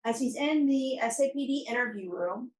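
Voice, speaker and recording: A woman's voice: a little high, normal speed, darkish tone, poor audio. A woman prosecutor giving a courtroom closing argument, emphatic and pressing her points through repetition. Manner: emphatic, repeating key phrases for force.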